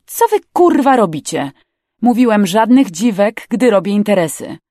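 A cold male yacht boss who gives orders in a calm, threatening tone and swears between them, read by a woman. The voice is gravelly and dry. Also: fairly low pitch, normal speed, dry recording. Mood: menacing.

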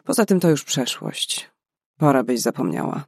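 A man's voice: medium pitch, big pitch swings, moderate pace, gravelly, darkish tone, no room sound, clean studio sound. A man voicing a young, easygoing man who speaks in a casual, teasing way in an audiobook. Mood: coaxing.

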